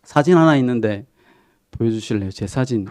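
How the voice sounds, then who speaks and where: A man's voice: medium pitch, animated, fairly quick, darkish tone, dry recording, studio quality. A man who is a pastor, preaching a sermon in a conversational storytelling way and asking the congregation questions. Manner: storytelling, retelling a TV drama with quoted lines. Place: church sanctuary.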